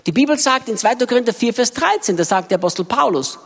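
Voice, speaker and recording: A woman interpreting a sermon in the first person, with an emphatic, expressive storytelling manner. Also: a little high, quick pace, breathy edge. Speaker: interpreter for a preacher. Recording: echoey hall reverb.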